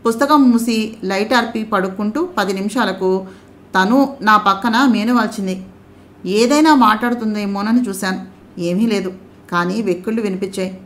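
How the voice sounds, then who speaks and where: A woman narrating an audio story in a calm, measured reading voice. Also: medium pitch.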